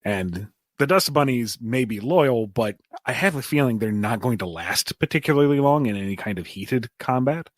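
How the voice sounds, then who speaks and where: A man's voice: mid-range voice, lively intonation, moderate pace, no room sound, clean studio sound. A man playing a text adventure who argues his plans in an earnest, persuasive way. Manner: earnest, persuasive, speaks in bursts. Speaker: player. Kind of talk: tabletop game banter.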